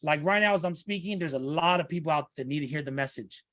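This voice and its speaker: A man's voice: on the high side, quick pace, a bit bright, dry recording, clean studio sound. A middle-aged man from Santa Ana, California, speaking earnestly as a podcast interview guest. He repeats himself and restarts his sentences.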